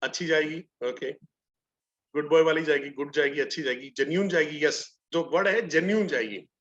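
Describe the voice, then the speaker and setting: Middle-aged male trainer, higher pitched, animated storyteller, muffled lo-fi webinar audio. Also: normal speed. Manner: animated storytelling, acts out both sides of dialogues. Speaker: sales trainer. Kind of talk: live online training session.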